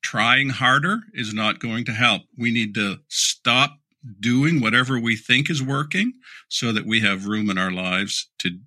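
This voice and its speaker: A man's voice: mid-range voice, unhurried, pushed and bright. A middle-aged man answering interview questions about leadership, candid and dryly sarcastic, often restarting his words. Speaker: leadership speaker and guest.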